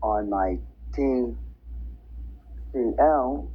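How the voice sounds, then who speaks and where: A man making a dictaphone-style spoken log of dates and times, halting and repetitive, often counting aloud. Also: mid-range voice, husky. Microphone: tablet voice recorder. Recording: dull, noisy handheld voice-recorder sound.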